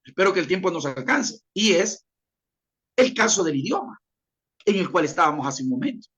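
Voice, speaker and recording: Male teacher, classroom lecture, animated pitch, repeats examples, talks straight to listeners. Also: normal speed. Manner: explains by repeating examples and addressing listeners directly.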